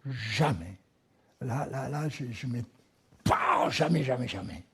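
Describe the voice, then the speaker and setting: A man's voice: medium pitch, animated, takes it slowly, a bit bright, husky. A man with an American accent preaching a sermon, repeating key words for emphasis. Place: church.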